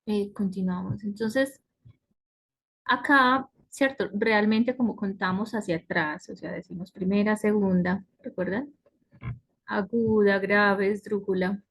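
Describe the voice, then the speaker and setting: A woman's voice: medium pitch, steady tone, a little slow, slightly rough. A woman teaching an online English class, explaining step by step and often checking with her students. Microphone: computer mic on a web conference.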